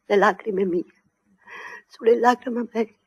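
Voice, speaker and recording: A woman's voice: on the high side, fairly even intonation, takes it slowly, darkish tone, slightly rough, highs cut off, exaggerated voice. An actress playing a fierce, protective Neapolitan mother and wife in a 1950s radio play, scolding and insistent with a Neapolitan accent.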